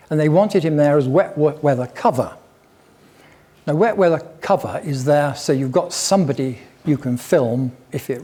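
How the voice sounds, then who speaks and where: An older man tells stories to an audience in a chatty, wandering way, dropping in wry asides. His voice sits a little high for a man, but its tone is soft and mellow. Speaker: guest speaker at a local history talk. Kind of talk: anecdotal public talk.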